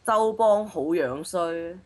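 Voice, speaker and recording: A woman's voice: on the low side, expressive, takes it slowly, a little mellow. A young woman with a Hong Kong Cantonese accent, speaking casually and playfully as co-host of a challenge video. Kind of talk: casual chat, reading out challenge phrases.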